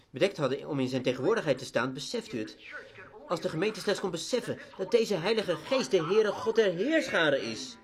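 A man preaching a sermon with fervor, his delivery swinging between loud exclamations and hushed, earnest pleas. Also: a little high.

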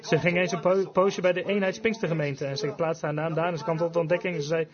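A man preaching a fervent revival sermon, emphatic, switching between quick bursts and slow, drawn-out phrases. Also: on the high side, steady tone, a crowd in the background. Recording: dull lo-fi recording with congregation audible.

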